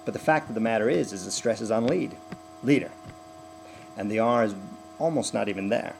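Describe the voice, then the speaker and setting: A man's voice: on the low side, fast talker, gravelly, slight background noise. An American man working as a dialect coach, explaining accent stress with many fillers and restarts. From United States. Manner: demonstrates sentence stress by example. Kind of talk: direct-to-camera introduction.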